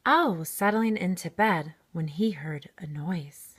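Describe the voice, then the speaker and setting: A woman reading a children's storybook aloud in expressive narration. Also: on the low side, unhurried, a little hiss or hum. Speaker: storybook reader.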